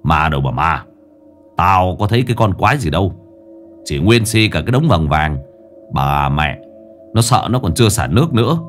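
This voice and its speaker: A blunt, coarse older man speaking low and gruff, as a male narrator puts him on. His voice sits deep, with soft music underneath. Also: sing-song, moderate pace, long pauses.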